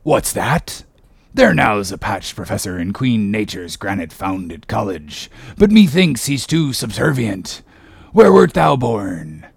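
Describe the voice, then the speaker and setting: A man's voice: fairly low pitch, sing-song, measured pace, no room sound, studio quality, full character voice. A man playing a grandiose, brooding, tormented whaling captain in a dramatic audiobook, with archaic, commanding speech. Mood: probing, sardonic. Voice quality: gravelly, husky. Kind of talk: dramatic audiobook character reading.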